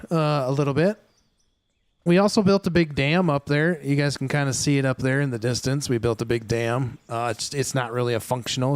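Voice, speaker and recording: A man with a medium-pitched voice hosts a casual gaming livestream, rambling to his viewers with lots of fillers and restarts. He's chatty and speaks straight to chat. The recording is dry.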